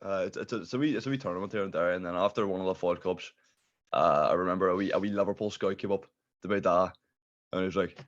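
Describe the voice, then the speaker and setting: A young man with a low voice and a thick Derry accent chats casually on a video call. He jokes at his own expense, and the sound is a bit dull and lo-fi. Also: fast. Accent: Derry, Northern Irish. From Derry, Northern Ireland. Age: young adult. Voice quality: strong regional accent, hard to understand at times. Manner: joking, self-deprecating. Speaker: podcast guest, streamer. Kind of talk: casual chat.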